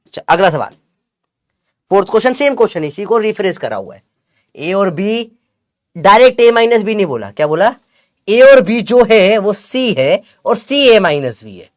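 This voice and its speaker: A man's voice: high-pitched, sing-song, moderate pace, dry recording, studio quality. A young man teaching physics in a chatty, teasing lecture. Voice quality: chatty, teasing, calls students beta. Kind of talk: classroom lecture with Gen Z slang.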